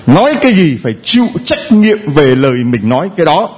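Preacher: middle-aged man, animated sermon, pitch rising and falling a lot, slightly high voice. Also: a little fast, husky. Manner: lively, animated preaching with sung snatches and mimicked voices. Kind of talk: sermon at a retreat.

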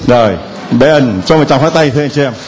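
Male priest, mid pitch, guiding and announcing in a reverberant church. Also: fast, a little hiss or hum. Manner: gentle, guiding, announcing to the congregation. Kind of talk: leading a Sunday service. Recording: long church reverb, faint ambience.

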